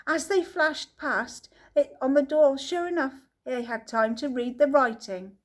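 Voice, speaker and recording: A woman narrating a children's book as an audiobook reader, telling the story in a lively way. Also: high-pitched, measured pace.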